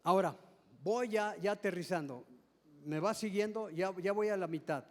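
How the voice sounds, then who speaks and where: A man's voice: high-pitched, normal speed, long reverb tail. A man preaching a sermon as pastor, explaining step by step, often repeating and restarting words and asking the congregation questions. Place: church service hall.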